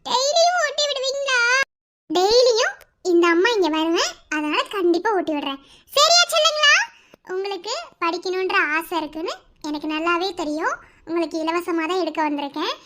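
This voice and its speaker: A woman's voice: very high-pitched, big pitch swings, normal speed, heavy background noise. A woman voicing a Tamil cartoon story, talking in a sweet, coaxing, motherly way to children. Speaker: voice of cartoon characters.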